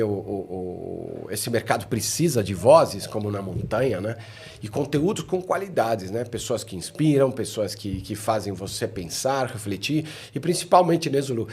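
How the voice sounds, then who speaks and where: Middle-aged man from Chile, low husky voice, talkative podcast guest with constant tag questions. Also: darkish tone. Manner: chatty, ends phrases with tag questions. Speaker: mountaineering guide, podcast guest. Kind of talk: casual podcast conversation.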